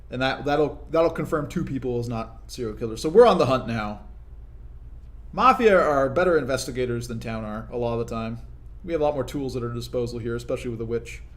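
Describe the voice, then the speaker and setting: A young man giving casual, explanatory commentary over his own gameplay, often tagging his points with quick check-ins to the listener. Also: mid-range voice, fairly bright tone. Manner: conversational, explanatory, frequent "right?" tag questions. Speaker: gaming video commentator.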